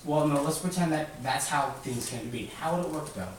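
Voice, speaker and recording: His fairly high voice moves at a fairly quick clip as he leads a relaxed lesson for children, prodding them with questions over and over and keeping the explanations plain. Sound comes through a distant mic in an echoey space with slight noise.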